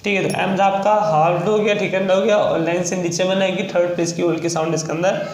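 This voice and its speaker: A man's voice: high-pitched, fairly even intonation, a little fast, reverberant, rough recording. A man from India teaching a shorthand lesson, explaining step by step and spelling words out letter by letter. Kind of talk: classroom lesson.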